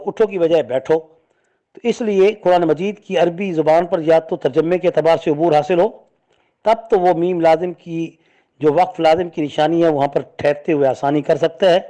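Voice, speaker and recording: A man's voice: on the high side, mellow. A man, a religious scholar, giving a patient step-by-step lesson and explaining points with spoken examples.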